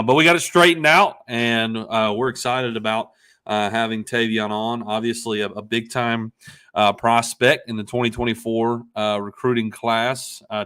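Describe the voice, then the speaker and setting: Man hosting with many pauses and fillers. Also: medium pitch, a bit bright. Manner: halting, many fillers and restarts. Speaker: podcast host. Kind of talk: casual live-stream chat.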